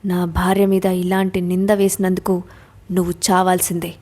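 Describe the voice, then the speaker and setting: A woman's voice: on the low side, completely flat delivery, normal speed, darkish tone, close to an everyday voice. A woman voicing a cruel, vengeful man who threatens in a cold, taunting way, read out in an audio story. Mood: menacing.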